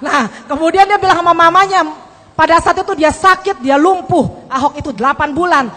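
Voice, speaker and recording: A woman giving a lively sermon testimony to a congregation, acting out the voices in her story. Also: extremely high pitch, brisk. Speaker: church speaker giving testimony. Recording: long hall reverb.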